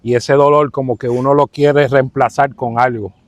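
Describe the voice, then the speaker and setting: A man's voice: mid-range voice, fairly even intonation, moderate pace, no room sound, lo-fi sound. A man interviewing a guest, finishing his sentences and affirming what he says. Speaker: interviewer host. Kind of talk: supportive interview prompting.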